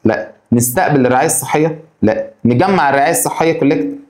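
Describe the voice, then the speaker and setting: A man with an Egyptian Arabic accent teaching an English exam-prep lesson. He keeps putting quick rhetorical questions to his students. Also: a little high, darkish tone, roomy sound.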